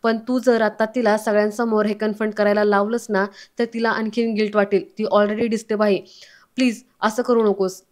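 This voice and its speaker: A woman's voice: medium pitch, little pitch movement, moderate pace, natural voice. A woman reading the lines of a protective, emotional adult woman in an earnest, pleading tone.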